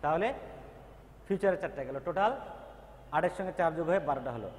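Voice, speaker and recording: A man's voice: on the high side, expressive, a little fast, slight background noise. A man teaching a recorded grammar lesson, patiently repeating terms and drilling their pronunciation. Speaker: English teacher. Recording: echoey reverberant room.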